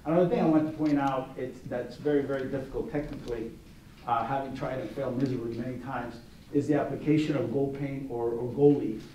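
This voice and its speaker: Man, gallery juror, rambling anecdotal talk, mellow tone, echoey room, far from mic. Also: mid-range voice, steady tone, fast, muffled recording. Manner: rambling, many restarts and asides, anecdotal. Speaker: art competition juror giving a gallery talk. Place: art gallery. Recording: roomy echo, distant mic, faint noise.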